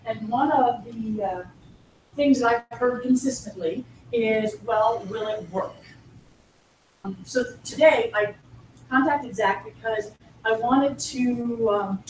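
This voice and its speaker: A woman founder giving a business pitch and walking the audience through a live demo, explaining things step by step. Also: slow pace, a little hiss or hum. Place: event room at a startup pitch night. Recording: echoey room from far off.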